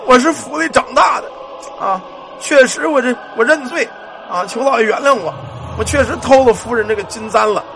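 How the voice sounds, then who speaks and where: A man's voice: extremely high pitch, moderate pace, creaky, a bit bright, slight background noise, heavily acted. A man voicing a guilty teenage servant boy who pleads through tears. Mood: tearful. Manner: tearful, pleading.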